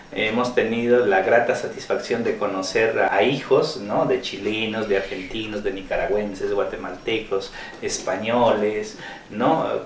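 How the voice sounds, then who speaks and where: A man's voice: lowish voice, slight background noise. A man from Peru interviewing a teacher at her home, hesitant, with many fillers and restarts. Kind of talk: interview questions. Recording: roomy, mic at a distance.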